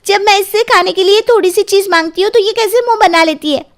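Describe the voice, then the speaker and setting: A woman's voice: very high-pitched, fast talker. A woman voicing a sulky, whiny eight-year-old girl in a cartoon storybook.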